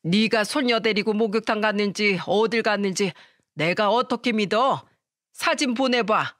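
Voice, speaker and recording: A woman voicing a suspicious, bossy older mother-in-law who scolds and accuses loudly. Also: medium pitch, moderate pace, dry recording, clean studio sound, natural voice. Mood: scolding.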